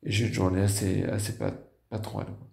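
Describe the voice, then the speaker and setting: A man's voice: lowish voice, steady tone, gravelly, echoey room. Tired, nasal northern French man. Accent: northern French (Nord). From Nord, northern France. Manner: halting, many fillers and restarts, trailing off quietly. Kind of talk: casual personal storytelling.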